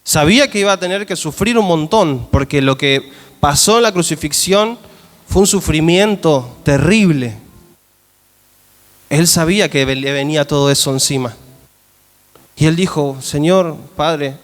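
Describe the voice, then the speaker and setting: A man pastor with a Rioplatense Spanish accent preaches emphatically, often throwing questions to his congregation. His voice sits high, and a long church-hall reverb trails every phrase. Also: normal speed, long pauses. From Argentina. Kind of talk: sermon.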